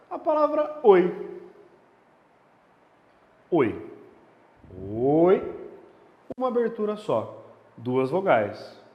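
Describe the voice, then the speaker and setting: A male grammar teacher giving a video lesson, lively and emphatic, often checking in with the listener. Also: high-pitched, highs cut off. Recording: echoey room with long reverb.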